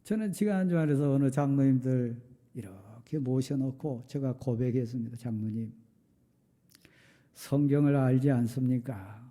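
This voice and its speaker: Emphatic preaching man, dark tone. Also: mid-range voice, moderate pace. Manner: emphatic preaching with rhetorical questions, dropping to soft confessional tones. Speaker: pastor. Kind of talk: sermon. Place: church sanctuary.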